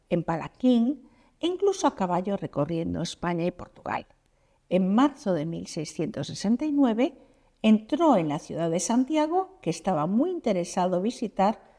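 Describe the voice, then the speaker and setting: Chatty mouse storyteller, put on by a woman, lively lilting pitch, warm mellow tone, teasing questions to listeners. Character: chatty mouse storyteller, descendant of a prince's pet mouse. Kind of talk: storybook narration.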